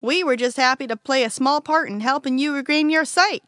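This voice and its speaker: A woman's voice: sits high, brisk, fairly bright tone, dry recording, clean studio sound, pitched above the performer's own voice. A woman reading the part of a kind, modest young girl in a storybook.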